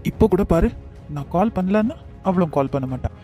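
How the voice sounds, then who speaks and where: A man voicing an anxious, sulky young groom-to-be in a cartoon, speaking in quick, hurt complaints. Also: high voice, lively intonation, mellow, faint music behind. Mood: upset. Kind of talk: cartoon voice acting.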